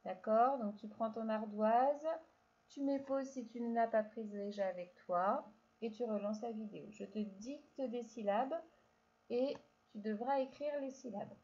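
A woman's voice: a little high, mellow, lo-fi sound. A woman teaching a reading lesson to young children, speaking patiently and stretching out syllables. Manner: slow, patient, drawn-out syllables, addresses child directly. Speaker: primary school teacher.

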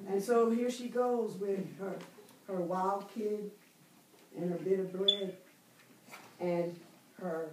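A middle-aged woman with a mid-range voice leads a Bible study as a preacher, using call-and-response and drawing out key words for emphasis. There's a little hiss or hum, and since a far camera with no mic captures her, the church library room with bookshelves sounds echoey and far off.

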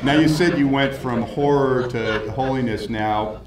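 A man's voice: medium pitch, unhurried. A man hosting an on-stage interview, attentive and prompting, from a theater stage. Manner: attentive, frequent murmured agreement. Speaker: host, interviewer. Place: theater stage before a live audience. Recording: echoey hall, distant mic, crowd.

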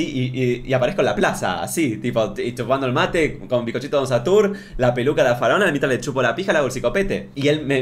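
Argentine guy ranting fast to camera, sarcastic and over the top. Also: mid-range voice. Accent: Argentine Spanish. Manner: sarcastic, exaggerated storytelling. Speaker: comedy youtuber. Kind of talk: comedic rant to camera.

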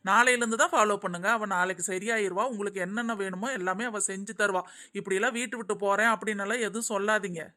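A voice actor playing a young husband and son in a cartoon, pleading with his mother to calm down. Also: medium pitch, close to an everyday voice. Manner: pleading, fast. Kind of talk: cartoon voice acting.

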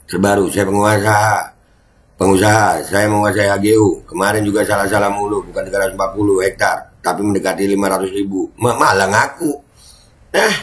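A man's voice: lowish voice, brisk. A middle-aged man from Indonesia, ranting and mocking in casual political commentary. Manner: mocking, sarcastic, jeering.

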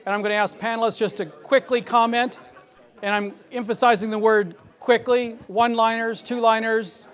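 A man's voice: high voice, fast talker, few pauses. A man moderating a fundraising meeting, talking energetically and with emphasis to a room. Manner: energetic, emphatic, acts out quoted donors. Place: large meeting room at a club.

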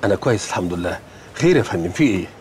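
Jovial, low-voiced company boss. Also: male voice, expressive, very fast, darkish tone, slight background noise. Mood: polite. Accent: Egyptian Arabic. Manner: playful, teasing banter.

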